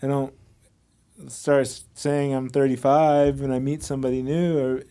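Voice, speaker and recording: A woman hosting a podcast with an unusually deep voice and a dark, mellow tone. She asks her questions in a relaxed, agreeable manner with a chuckle behind them. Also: moderate pace, clean tone. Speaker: podcast host. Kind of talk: casual conversational interview.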